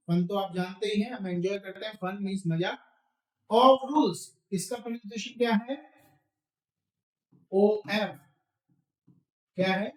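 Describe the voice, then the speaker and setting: A man teaching spoken English, drilling phrases slowly and quizzing the viewer. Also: high-pitched, roomy sound, poor audio.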